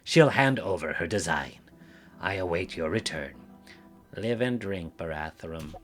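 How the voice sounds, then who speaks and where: Fields: Character: solemn elder mentor Barathrum read by a man. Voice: low. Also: animated, unhurried, a bit bright, soft background music. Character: grave elder male mentor giving orders.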